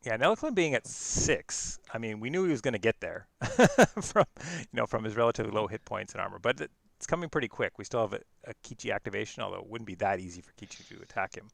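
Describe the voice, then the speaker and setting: A man giving casual play-by-play commentary on a card game, relaxed and quick to laugh. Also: fairly low pitch, vocal fry, no echo. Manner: relaxed, laughs easily, self-correcting.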